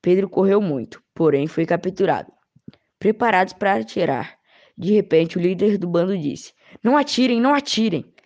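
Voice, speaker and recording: Woman reader, low warm voice, steady story narration, muffled lo-fi recording. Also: moderate pace. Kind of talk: storytelling read-aloud. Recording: dull lo-fi recording.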